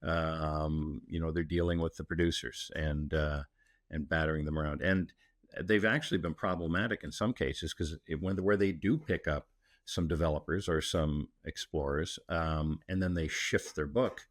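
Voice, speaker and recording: A man with a very low voice answers interview questions in a relaxed, halting way. He restarts phrases often and fills pauses with "um" and "you know". The sound is dry, with no room around it. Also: no room sound. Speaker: mining company executive guest. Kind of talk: casual interview talk.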